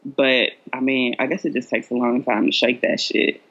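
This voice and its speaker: A woman's voice: very deep voice, fairly even intonation, moderate pace, fairly bright tone. A woman chatting casually as a podcast guest, informal and hesitant as she thinks aloud. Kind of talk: casual chat. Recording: muffled lo-fi audio.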